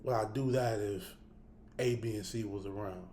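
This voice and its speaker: A man's voice: on the low side, moderate pace, warm tone, a little hiss or hum. A man talking casually and bluntly to his listeners, cursing freely and thinking aloud, with the hiccups. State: has the hiccups. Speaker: host. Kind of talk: casual spoken reflection to camera.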